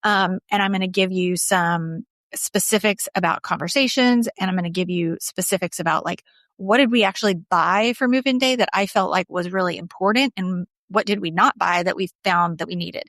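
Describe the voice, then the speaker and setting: A woman's voice: on the low side, moderate pace, fairly bright tone, no echo, studio quality. A middle-aged woman hosting her own podcast, talking casually and openly, speaking straight to her listeners. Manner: chatty, open, addresses listeners directly. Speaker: podcast host. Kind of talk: casual solo podcast talk.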